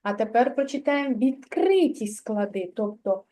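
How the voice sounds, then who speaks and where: Жінка-вихователька дитячого садка веде заняття з грамоти з дитиною, терпляче підказує й хвалить. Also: female voice, fairly high pitch, animated, warm tone. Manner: slow, patient, praising and prompting. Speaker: kindergarten teacher. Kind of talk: early literacy lesson with a child.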